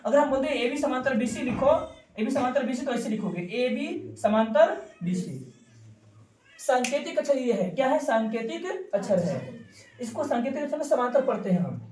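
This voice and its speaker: A woman with a fairly high voice teaches a classroom maths lesson. She repeats each key term and keeps quizzing her students. She is recorded from a distance in a roomy, echoing classroom with faint background noise. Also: a little mellow.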